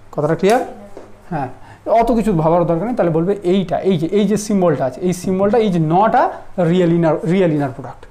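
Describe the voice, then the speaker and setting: A man teaching a math lesson in a relaxed classroom style, often asking whether students follow. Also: high voice. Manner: conversational, checks understanding often.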